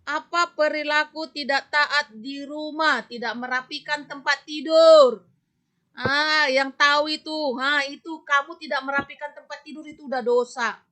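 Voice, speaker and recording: A woman religion teacher giving an online class to children, lively and scolding, sometimes acting out children's voices, on a video call. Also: high-pitched, normal speed.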